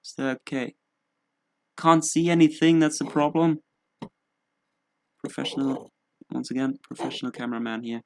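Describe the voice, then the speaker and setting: A man's voice: medium pitch, little pitch movement, moderate pace, pauses often, slight background noise. A young man from Germany, chatting casually and rambling on a live stream with self-mocking asides. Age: 20s. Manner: self-mocking, rambling, thinking aloud while setting up. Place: home room in England.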